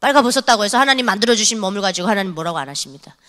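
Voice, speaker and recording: A young woman from North Korea giving a lively testimony sermon at a church youth service, scolding and acting out conversations. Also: mid-range voice, very fast, in a large hall. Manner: animated, scolding, acts out dialogue. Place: church hall.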